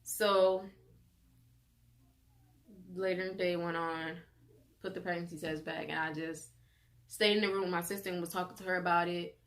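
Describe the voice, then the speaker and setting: A woman's voice: on the low side, normal speed, pauses often. A young adult woman vlogging, telling a personal story in a casual, chatty way with lots of "like" and restarts. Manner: animated retelling full of "like" and acted-out quotes.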